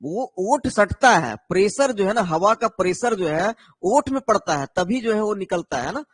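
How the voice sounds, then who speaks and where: A man's voice: high-pitched, animated, moderate pace, breathy edge, no echo. A man teaching an online exam-prep lesson, explaining patiently and often checking in with his viewers. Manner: explains patiently, tags lines with "है ना", answers viewers' comments.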